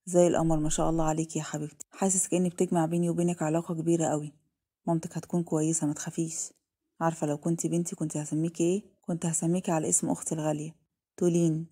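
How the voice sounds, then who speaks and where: A woman's voice: low voice, level tone, rapid-fire, breathy edge. Woman voicing a tender lovesick young man. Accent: Egyptian Arabic. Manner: soft, affectionate, earnest. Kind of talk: storyteller voicing a character.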